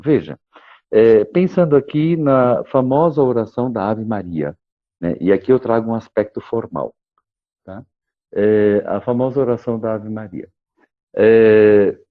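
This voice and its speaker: A man, a guest expert explaining things in a measured, lecturing way, often tagging questions and pausing to cough. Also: on the low side, phone-quality sound. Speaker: guest expert on liturgical chant. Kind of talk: explanatory interview talk.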